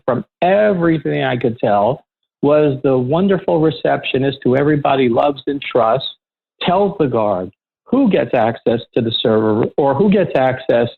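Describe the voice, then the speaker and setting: A middle-aged man, a security professional and interview guest, telling a work anecdote in a lively, conversational way and acting out the dialogue. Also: on the high side, gravelly. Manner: lively storyteller who acts out quoted dialogue. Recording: tinny phone-like line.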